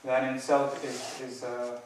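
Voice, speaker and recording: A man defending his PhD thesis, nervous and hedging, halting with many false starts and repeated words. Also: mid-range voice, completely flat delivery. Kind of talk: academic thesis defense, spontaneous answers. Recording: very echoey room, distant mic, faint noise.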